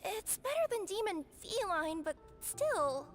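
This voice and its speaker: Snippy talking cat spirit, woman acting, very high and lively voice, indignant. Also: unhurried, faint music behind, full character voice. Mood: sarcastic. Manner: indignant, sarcastic.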